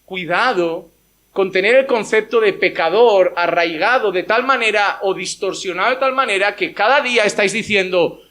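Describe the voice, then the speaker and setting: A man's voice: sits high, moderate pace, pushed and bright. A male pastor preaching a sermon in a church, emphatic, with rhetorical questions and voices acted out as quotes.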